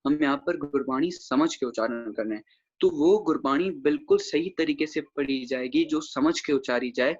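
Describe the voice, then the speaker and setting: A man giving an online lecture on scripture pronunciation, demonstrating sounds slowly syllable by syllable and speaking respectfully to his listeners. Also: mid-range voice. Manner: slow, careful syllable-by-syllable demonstration; addresses the congregation respectfully. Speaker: Gurbani grammar teacher. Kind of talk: online lecture over a video call. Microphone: video call microphone. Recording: dull lo-fi video call audio.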